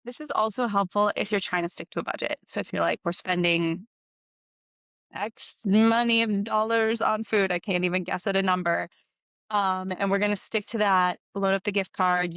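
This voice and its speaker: A woman's voice: mid-range voice, fairly bright tone, dry recording. Mom podcaster lady chatting tips, lots of ums, kinda muffled dry audio. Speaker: podcast co-host. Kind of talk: casual podcast chat.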